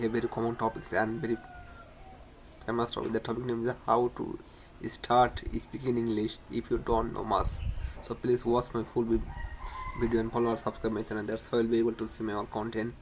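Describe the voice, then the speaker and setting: A man's voice: mid-range voice, monotone, fast talker, slight background noise. A man hosting his own channel, teaching English in a casual spoken lesson, often restarting and repeating words. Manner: repetitive, many restarts and stumbles.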